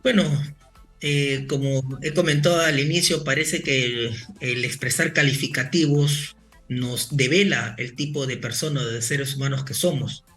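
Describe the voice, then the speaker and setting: A man's voice: medium pitch, normal speed, a bit bright, faint music behind. A man arguing formally as a guest in a live political debate, repeating phrases as he makes his case.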